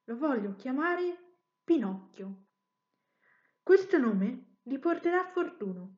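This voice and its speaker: A woman's voice: high voice, sing-song, slow pace, roomy sound, muffled recording, exaggerated voice. A woman voicing Geppetto, an old woodcarver. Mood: musing. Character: old male woodcarver, a gruff but tender father.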